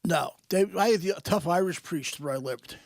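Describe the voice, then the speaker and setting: A man's voice: a little high, moderate pace, no room sound. A man co-hosting a podcast in casual chat, good-natured and self-deprecating, recorded on a studio microphone. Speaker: podcast co-host.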